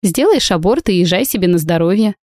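A woman voicing Alena, a brazen married young woman who speaks with mocking irony, in a warm audiobook reading. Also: fairly low pitch, expressive, brisk, no echo, clean studio sound, lightly acted. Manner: mocking, ironic.

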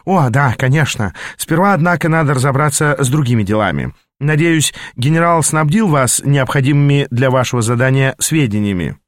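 A man voicing a smooth, ingratiating male army treasurer with a polite, oily manner. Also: medium pitch, normal speed, few pauses, no echo, studio quality, lightly acted.

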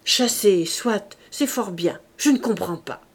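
An agitated male town mayor bursts out with urgent, bewildered questions, voiced by a woman reading aloud. His voice rises and grows louder against the calm narration. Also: mid-range voice, takes it slowly, slightly rough, exaggerated voice.

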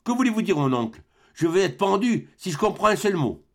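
A man reading aloud, voicing an earnest young gentleman who asks bewildered questions. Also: sits high, very animated, brisk, voice pushed up, exaggerated voice. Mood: puzzled.

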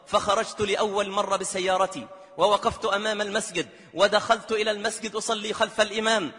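A man's voice: high voice, flat delivery, quick pace, pushed and bright, slightly rough. A man preaching an emotional sermon as a story, often slipping into melodic chanting. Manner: dramatic, slides into melodic chanting of verses. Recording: long hall reverb with music behind.

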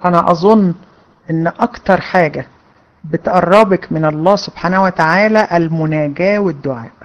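A woman's voice: lowish voice, brisk, highs cut off. Woman teacher, Egyptian Arabic accent, casual Q&A lesson, reads questions then chats through answers. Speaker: religion teacher.

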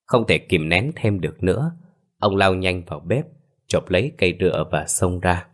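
A man narrating a scripted ghost story in a steady, dramatic storytelling manner. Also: low-pitched, normal speed.

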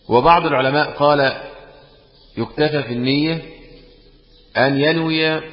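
A man teaching a religious lesson, often asking the class questions and repeating phrases. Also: on the low side. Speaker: teacher explaining hadith. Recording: echoey room, dull lo-fi sound.

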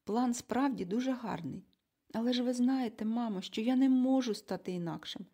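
A woman's voice: fairly high pitch, moderate pace, dark tone, pitched above the performer's own voice. A woman voicing a meek, polite, anxious boy in an audiobook, speaking timidly. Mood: worried.

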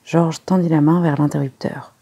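Audiobook narrator reading a chapter, measured, gravelly and husky. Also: mid-range voice, steady tone, warm tone. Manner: measured storytelling. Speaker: audiobook reader. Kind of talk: scripted narration.

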